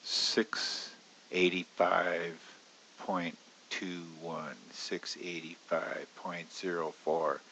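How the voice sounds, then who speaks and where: A man's voice: little pitch movement, drawn-out words, sharp tone, a little hiss or hum, low-quality recording. A man casually walking through an options trade on screen, chatty with many fillers. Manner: casual, chatty, many fillers, bursts into high-pitched alarm retelling panic. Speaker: options trading educator. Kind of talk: screen-recorded trading walkthrough.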